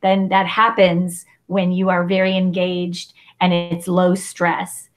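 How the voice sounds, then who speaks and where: A woman's voice: on the low side, little pitch movement, slow. Woman moderating a teacher panel. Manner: warm shout-outs, thinking aloud with fillers. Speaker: panel host.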